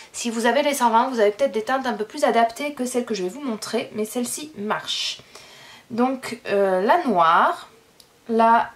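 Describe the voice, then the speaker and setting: A woman with a fairly high voice hosts a casual coloring tutorial. She talks in a chatty, relaxed way, full of fillers and small self-corrections.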